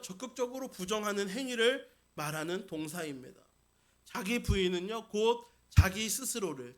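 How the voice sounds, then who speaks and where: Preaching the Sunday sermon, a male senior pastor speaks in a high-pitched, bright, forceful voice. His delivery is emphatic, aimed directly at the congregation, with key phrases repeated, all in the church sanctuary during the service.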